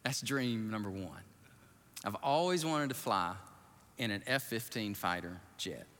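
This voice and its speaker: A man preaching as a pastor, telling a story in an animated, excitable way and jumping up in pitch to act out scenes, in a church sanctuary. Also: a little slow. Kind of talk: storytelling sermon. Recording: reverberant hall.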